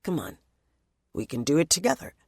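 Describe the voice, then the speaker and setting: A woman voicing a steady, protective male survivor in a zombie audiobook, calm and low-voiced as she reads his lines. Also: fairly quick, vocal fry, slightly rough, no room sound, full character voice.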